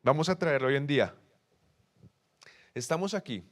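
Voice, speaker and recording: A young man from Colombia, a pastor with a Bogotá accent, preaching in an animated way, asking the congregation questions and acting out quoted excuses. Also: a little high, normal speed. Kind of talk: sermon.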